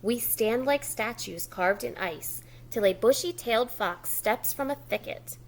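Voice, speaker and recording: A preschool teacher with a slightly high, expressive voice reads a picture book to young children, stopping to offer simple, encouraging prompts. There's a little hiss or hum on the recording.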